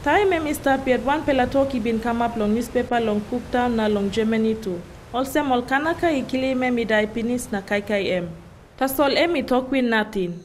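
A woman's voice: fairly high pitch, brisk. A woman reading scripted documentary narration. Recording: clear background noise with insects.

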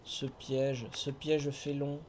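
A man's voice: mid-range voice, monotone, slow pace, a little hiss or hum. A man giving casual running commentary while playing a video game, chatting with viewers and humming to himself. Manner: chatty, talks to himself and chat, hums tunes.

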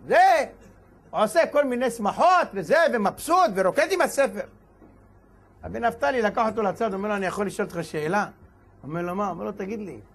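Man rabbi, very high voice, animated sermon storyteller who acts out his characters. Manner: animated storyteller acting out dialogue and shouts. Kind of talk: sermon with told stories.

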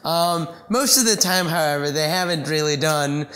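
A man's voice: fairly high pitch, normal speed, fairly bright tone. A man in his thirties, raised in Sweden, answering interview questions in an office room on a lapel mic, often repeating and restarting words. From Iceland, raised in Sweden. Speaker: QA engineer guest. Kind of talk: casual interview chat. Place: office meeting room indoors.

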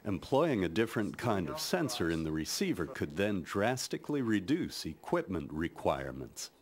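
A man's voice: low voice, very animated, normal speed. An American man narrating a scripted science news report as a correspondent.

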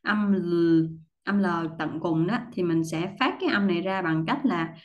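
A woman teaching English pronunciation, explaining patiently step by step and repeating model words, often clearing her throat. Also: fairly low pitch, normal speed, muffled recording. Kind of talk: pronunciation lesson.

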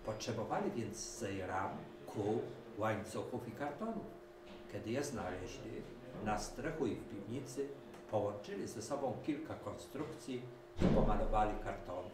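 A man reading a children's story aloud, slowly and with lively voicing for the animals. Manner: slow, lively reading, raising his pitch for the animals' lines. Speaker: storybook reader. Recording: echoey room, from a distance, with background noise.

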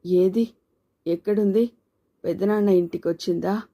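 A woman voicing an aging mother who is blunt, scolding and quick to anger, in an audiobook story. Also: medium pitch, fairly even intonation, mellow. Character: aging mother, fierce and grieving widow-like matriarch.

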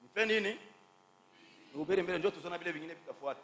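A man preaching a fervent sermon, shouting and stretching phrases as he calls on the congregation to repeat after him. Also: high voice, quick pace. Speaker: pastor. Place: church during a live service.

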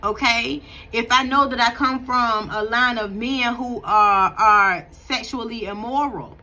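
A thirtysomething woman offers casual devotional encouragement on her faith vlog, recorded indoors in a bright home room via a close phone camera. Her delivery is earnest, preachy and conversational with many restarts; her voice is a little high, sharp in tone, and measured in pace.

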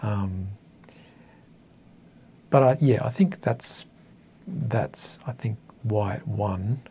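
Drawing out his words in a mellow, husky voice on the low side, an Australian man in his fifties talks hesitantly and thoughtfully, with a self-deprecating manner. He's an author from northern coastal New South Wales, interviewed in a casual, reflective chat in a small indoor meeting room.

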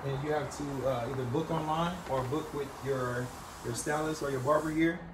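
A man's voice: mid-range voice, steady tone, moderate pace, background noise. A middle-aged man who owns a barbershop, answering interview questions politely and earnestly, with many fillers. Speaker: barbershop owner. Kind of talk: casual interview on a live video. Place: large barbershop indoors. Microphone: phone camera held by interviewer. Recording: roomy shop with faint ambience.

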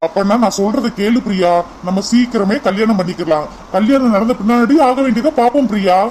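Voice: mid-range voice, brisk, darkish tone, slight background noise, close to an everyday voice, low-quality recording. A voice actor playing an earnest young man in love in a cartoon, coaxing and reassuring, with a Kanyakumari Tamil accent. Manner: coaxing, reassuring, repeats her name. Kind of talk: cartoon voice acting.

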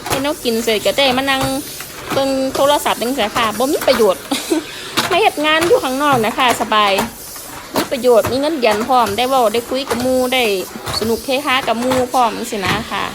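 A woman's voice: high-pitched, fairly quick, background noise. A woman with an Isan accent, chatting casually and frankly to her viewers as a vlogger, laughing often.

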